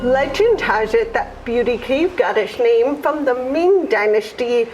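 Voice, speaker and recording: Upbeat high-voiced woman travel host. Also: measured pace, low-quality recording. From Taiwan. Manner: eager, lively presenter. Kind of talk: upbeat travel show presenting. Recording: loud music bed under voice.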